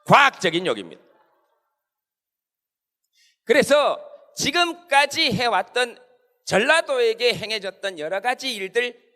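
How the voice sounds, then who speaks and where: Animated man in a reverberant hall. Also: high voice. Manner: animated, playful, quoting insults in mock voices. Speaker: comedian giving a satirical talk. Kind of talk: stand-up style satirical lecture to an audience.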